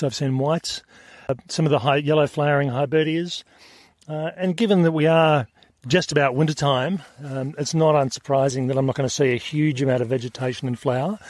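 Middle-aged male host, mid-range voice, dry close sound, relaxed rambling trail diary. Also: medium pitch, dry recording. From Australia. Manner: relaxed, rambling, with many fillers and restarts. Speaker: podcast host. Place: outdoors on a rail trail.

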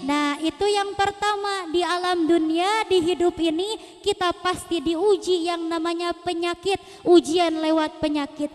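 A woman's voice: very high voice, steady tone, measured pace, hardly any pauses. A woman preacher, giving a comic sermon in singsong repetitions. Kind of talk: lively duet sermon. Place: large hall at a religious event. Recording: echoey hall with faint music.

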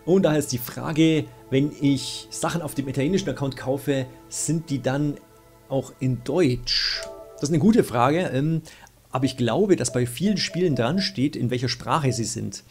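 A young man with a medium-pitched, slightly mellow voice speaks at a normal pace over soft background music. He hosts a weekly game show from a desk in a small indoor room, casually answering viewer questions and thinking aloud with lots of fillers in a relaxed chat.

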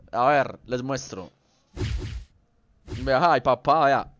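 A man's voice: medium pitch, slow, a bit bright, dry recording. Young man, casual livestream chat, playful slang, slightly muffled audio. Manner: playful, rambling, peppered with slang. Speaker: streamer. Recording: slightly dull lo-fi stream audio.

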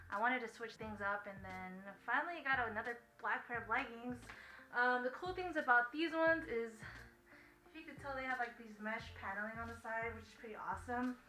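Young woman vlogger, rambly casual haul chat, slightly high, bright tone, faint music behind. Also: low-quality recording. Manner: chatty, rambling, lots of filler words.

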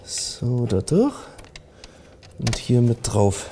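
A man's voice: medium pitch, sing-song, very slow, mellow, slight background noise. A middle-aged man explaining a car audio installation step by step in a casual, plain way while he works in a workshop. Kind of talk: hands-on installation tutorial.

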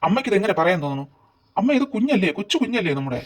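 An actor playing a gentle young father who speaks softly and pleadingly. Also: high-pitched, very animated, very fast. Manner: soft, pleading. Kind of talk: short film acting.

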